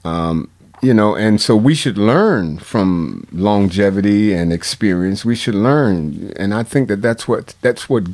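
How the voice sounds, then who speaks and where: A man, a guest on a radio talk show, talking in a halting, rambling way full of fillers and restarts, with sudden bursts of animated emphasis. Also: lowish voice.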